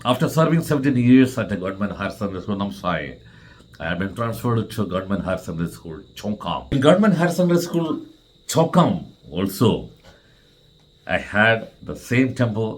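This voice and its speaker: A middle-aged man with an Indian accent gives a farewell speech as a school vice principal, in earnest, deliberate phrases with emphatic repetition. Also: lowish voice, sing-song.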